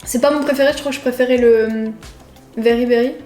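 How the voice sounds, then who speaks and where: In an echoey home kitchen with music behind her, a young female vlogger casually talks to viewers between bites during a food challenge, giggling and chatting away. Her high voice has a steady tone, a slightly mellow quality and a rapid-fire delivery.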